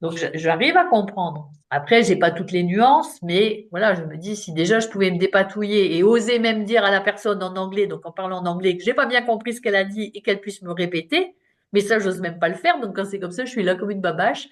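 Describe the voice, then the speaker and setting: A woman's voice: mid-range voice, fairly quick. A woman in her late fifties, a coach giving an informal talk in French, chatty and self-mocking with frequent fillers. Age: 50s. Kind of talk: live online talk to an audience.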